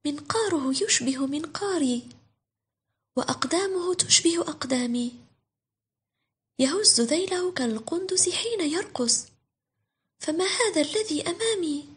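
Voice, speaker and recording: Storybook mother duck played by a woman: tender-hearted, worried, high-pitched, exclaiming with big swings. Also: lively intonation, measured pace, long pauses. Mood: puzzled. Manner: dramatic, exclaiming.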